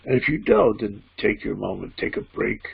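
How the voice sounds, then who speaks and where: A man voicing a spirit guide as a trance medium at a seance, teaching solemnly and deliberately in a gravelly, husky voice. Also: on the low side, big pitch swings, heavily acted. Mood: calm, instructive. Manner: seance medium manner, preachy, deliberate, emphatic repeated phrasing. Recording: dull, muffled lo-fi audio.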